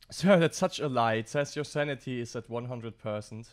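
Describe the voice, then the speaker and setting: A man with a German accent keeps up light, jokey chatter as he plays a game. His voice sits at an ordinary middle pitch, and he teases his friend in a casual, easygoing way. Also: normal speed. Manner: playful, jokey, calls his partner "sir". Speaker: game player. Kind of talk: casual gaming banter.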